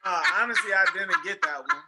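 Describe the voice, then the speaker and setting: A man's voice: very high-pitched, big pitch swings, fairly quick, vocal fry, heavy background noise. A man joking and teasing his friends in a casual group chat. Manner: teasing, jokey banter.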